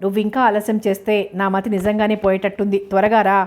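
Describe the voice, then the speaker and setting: A woman reading the part of a playful young husband who keeps his voice low and presses his wife to come along. He sounds urgent and insistent, with a flat, even pitch, in a storybook reading. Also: fast talker, natural voice. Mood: urging. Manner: hushed, urging.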